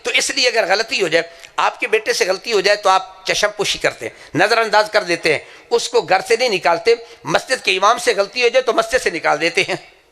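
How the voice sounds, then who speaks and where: A man's voice: high voice, expressive, gravelly, pushed and bright. A man from Pakistan preaching an impassioned sermon at a madrasa gathering, telling anecdotes and swearing to his sincerity.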